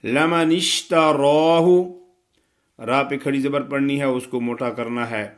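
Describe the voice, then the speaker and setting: A man teaching a recitation lesson, chanting verses slowly and melodically, then explaining the rules in quick, matter-of-fact speech. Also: mid-range voice, flat delivery. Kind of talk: tajweed lesson.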